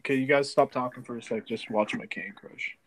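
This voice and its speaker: A man's voice: medium pitch, steady tone, quick pace, crowd noise. A man making sarcastic jabs at the host on a live stream. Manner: sarcastic, heckling. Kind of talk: casual chat.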